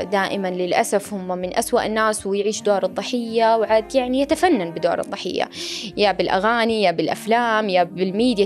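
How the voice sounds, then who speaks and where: Fast-talking woman, self-help talk. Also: medium pitch. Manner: animated, repeats phrases, asks herself rhetorical questions.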